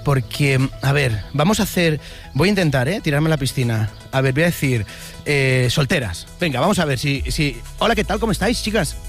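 Chatty Spanish street reporter, outdoors. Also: male voice, a little high, expressive, soft background music. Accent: Peninsular Spanish. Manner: chatty, playful, quick to joke. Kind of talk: upbeat street vox-pop interviewing.

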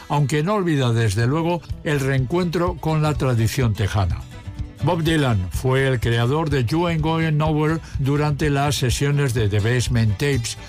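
A man presenting a radio music segment in a relaxed, informative way. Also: medium pitch. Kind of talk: scripted radio music commentary.

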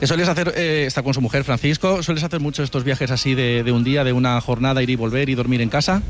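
A man's voice: mid-range voice, steady tone, fast, slight background noise. A man reporting live for radio from an outdoor square, interviewing a visitor in a chatty way. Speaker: field reporter.

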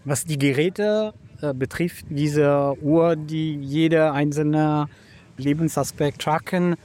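Man, somewhat high voice, slow hesitant talk, street interview. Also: fairly even intonation, a little mellow. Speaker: passer-by in a street poll.

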